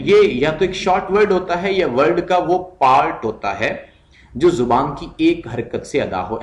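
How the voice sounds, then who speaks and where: A male English teacher explains grammar in a mix of Hindi-Urdu and English. He reads English examples slowly and repeats each word. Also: on the high side, echoey room. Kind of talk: recorded classroom lesson.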